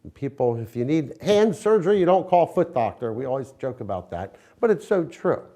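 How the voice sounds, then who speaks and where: A man's voice: mid-range voice, sing-song, a little fast, mellow. An American man, a business owner, giving a conversational promotional interview in a plain-spoken, explanatory, folksy way. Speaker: window company owner, interviewee.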